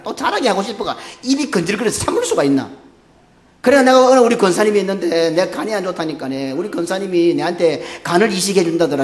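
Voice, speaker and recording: Gyeongsang-accent pastor guy preaching, high voice, gets loud and worked up, echoey church. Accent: Busan Gyeongsang. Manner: animated, swings from low earnest tones to loud excited bursts. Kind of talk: sermon. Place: church sanctuary.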